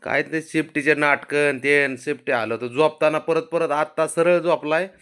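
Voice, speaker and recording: A man's voice: on the high side, fairly even intonation, normal speed, a bit bright, smooth. A man speaking, chatting casually and teasingly to his pet cat, coaxing it and often raising his voice. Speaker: pet owner.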